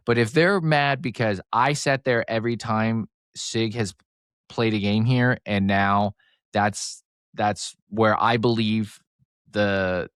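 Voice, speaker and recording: A man hosting a casual sports podcast alone, excitable and rambling, with a slight speech impediment that makes him mumble and trail off. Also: fairly low pitch, dry recording, clean studio sound. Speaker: podcast host. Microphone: close desk mic, sometimes turning off-axis.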